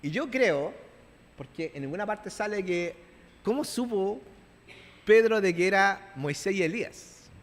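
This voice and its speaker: Speaking unhurriedly in a high, animated voice, a Chilean pastor delivers a conversational sermon in church. He frequently checks in with the congregation and brings biblical dialogue to life with playful voices, all under the long reverb of the hall.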